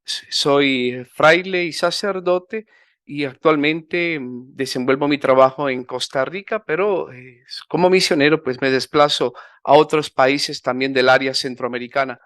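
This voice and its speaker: A man's voice: mid-range voice, a little slow, fairly bright tone, clear, resonant tone, no room sound, clean studio sound. A man, a Capuchin friar and priest, answering as a guest in a careful, formal manner with some hesitations. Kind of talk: conversational interview answers.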